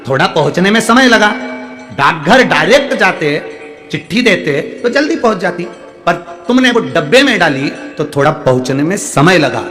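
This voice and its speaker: A male preacher with a fairly high voice delivers a devotional sermon to a big outdoor stadium crowd. He answers listeners' letters with homely examples and keeps pressing the crowd to shout answers back. Soft devotional music plays faintly behind him. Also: very animated, moderate pace. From central India. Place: large outdoor stadium gathering.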